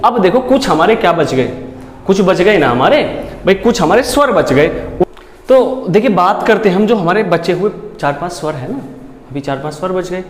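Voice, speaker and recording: High-voiced man teaching in an echoey room. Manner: repetitive, quizzing with rhetorical questions. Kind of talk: whiteboard grammar lesson. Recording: echoey room with faint background noise.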